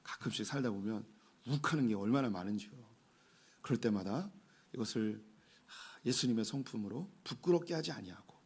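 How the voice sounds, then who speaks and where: A man's voice: on the low side, fairly quick, husky. A middle-aged man, a pastor, preaching a sermon in a church and telling stories, often dropping in short "yes" asides. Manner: warm storytelling with frequent "예" asides. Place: church sanctuary.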